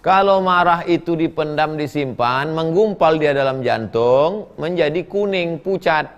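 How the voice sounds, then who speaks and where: A middle-aged man preaching, reading listeners' questions and answering them in a folksy, joking way, his voice swinging between high and low as he acts out quotes. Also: measured pace, highs cut off. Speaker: Islamic preacher. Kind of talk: sermon answering read-out questions.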